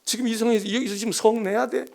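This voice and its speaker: A man voicing a patient, fatherly God who coaxes a sulking child softly and slowly, in a sermon. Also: extremely high pitch, fairly even intonation, vocal fry, voice pushed up. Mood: coaxing. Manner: soft, slow coaxing.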